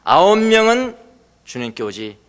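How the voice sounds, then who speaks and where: A man preaching a sermon as pastor, acting out quoted lines and swinging between loud bursts and hushed asides. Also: sits high, sing-song, unhurried.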